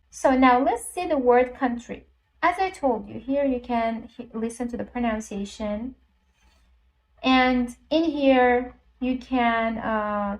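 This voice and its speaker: A woman with a voice on the high side talks viewers through an app in a casual screen recording, and the recording quality is low. She's a language teacher, Persian by first language, chatty and step-by-step in her explanation, with many ums and uhs.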